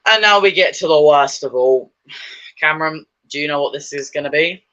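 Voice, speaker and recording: A man's voice: on the high side, brisk, pushed and bright, dull audio. A man chatting casually about his opinions, rambling and enthusiastic, with many fillers and restarts. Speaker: video host.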